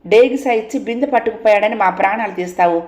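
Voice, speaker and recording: A woman's voice: medium pitch, fast, close to an everyday voice. Easygoing joking husband, as a woman reads him. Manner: calm, teasing, good-humoured. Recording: roomy echo.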